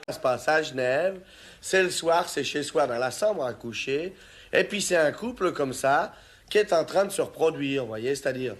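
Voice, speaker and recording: High-voiced French comedian telling jokes. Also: male voice. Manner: chatty, rambling, acts out characters' lines. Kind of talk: stand-up joke telling.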